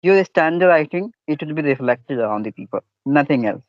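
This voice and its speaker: A man talks in halting phrases, often searching for the right word. His voice is slightly high. The sound is dry, with no room echo, and a little dull. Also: lively intonation. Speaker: English conversation partner. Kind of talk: casual discussion practice.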